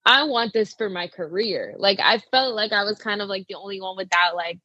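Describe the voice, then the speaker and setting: A woman's voice: mid-range voice, fairly quick, bright, forceful tone, no echo, highs cut off. Chatty young woman, "like"-heavy talk. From Arizona. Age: young adult. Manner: chatty, lots of "like" fillers. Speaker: wrestler guest. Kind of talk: casual interview talk.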